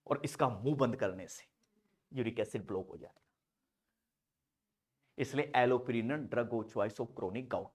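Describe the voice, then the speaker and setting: A young man giving a lively classroom lecture on drugs for nursing students. He jokes constantly, acts out mock dialogues in other voices, and swings from quiet asides to loud shouts. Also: mid-range voice. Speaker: nursing pharmacology teacher.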